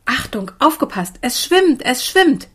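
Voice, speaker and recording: A woman voicing a curious, excitable little girl in a storybook reading. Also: on the low side, unhurried, breathy edge, heavily acted. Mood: excited.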